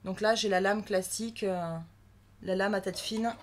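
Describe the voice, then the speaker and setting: A woman's voice: mid-range voice, steady tone, a little slow, slight background noise. A woman from France giving casual, chatty unboxing commentary, thinking aloud as she handles a new crafting machine. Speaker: crafting vlogger.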